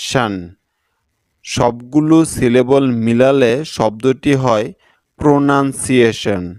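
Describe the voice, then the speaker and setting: A man teaching an English spelling lesson, slowly spelling out words letter by letter and syllable by syllable, speaking patiently to his viewers. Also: medium pitch, a little mellow, no room sound, studio quality. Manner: addresses viewers directly and patiently.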